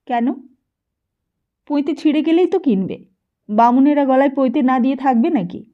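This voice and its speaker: Woman voicing a pleading poor mother, high and anxious. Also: expressive, normal speed, lo-fi sound. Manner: pleading, raised scolding voice.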